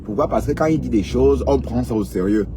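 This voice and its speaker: A man's voice: mid-range voice, fairly quick. A man chatting casually to live-stream viewers, teasing and joking, repeating words and tagging his lines with little asides. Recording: outdoor mic with loud street noise. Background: passing cars and street noise.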